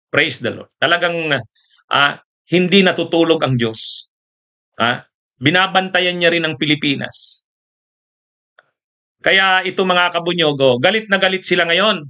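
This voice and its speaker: Male host, high and bright, sarcastic rhetorical political chat. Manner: mocking, rhetorical, laughs often, sips coffee. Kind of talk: casual political commentary.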